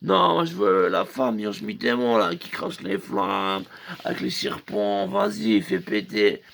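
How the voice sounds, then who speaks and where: A man's voice: mid-range voice, sing-song, measured pace, gravelly, a bit bright. A man telling a comic story in a rambling, crude way, full of fillers and slang insults. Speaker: comedian.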